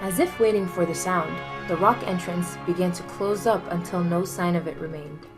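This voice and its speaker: Lady reading a folk tale, kinda low voice, expressive and steady. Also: normal speed, over music. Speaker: storyteller. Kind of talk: storybook reading.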